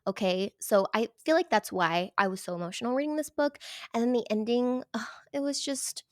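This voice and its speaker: An emphatic, animated woman chats casually about books, and her voice sits a bit higher than most. She often drops into a whisper for effect. The sound is close and dry. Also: fairly quick, no room sound. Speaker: book reviewer. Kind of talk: casual chat.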